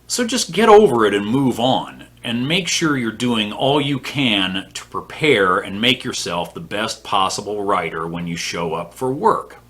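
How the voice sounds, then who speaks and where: Blunt, lively fifty-something man. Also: on the low side, unhurried, few pauses. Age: 50s. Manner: blunt, scornful, profane. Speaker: author and vlog host. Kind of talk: opinionated writing advice vlog. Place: home office.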